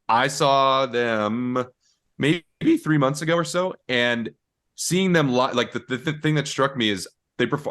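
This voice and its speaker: A man's voice: mid-range voice, a bit bright. A man co-hosting a podcast, chatting casually and rambling with many restarts. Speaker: podcast co-host. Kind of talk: casual chat.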